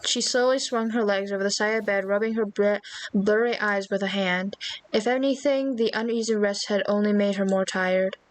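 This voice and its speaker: A young woman reads visual novel narration aloud on a stream at a middle pitch. She often breaks off into casual, chatty asides to her viewers. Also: fairly even intonation, moderate pace, poor audio. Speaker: vtuber streamer.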